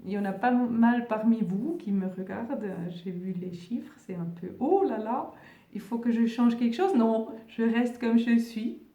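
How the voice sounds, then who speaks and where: A woman with a non-native French accent, talking gently to her viewers in a vlog and often pausing to search for words. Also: a little high, reverberant, recorded from a distance. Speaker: spiritual video host. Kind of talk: casual vlog address to viewers.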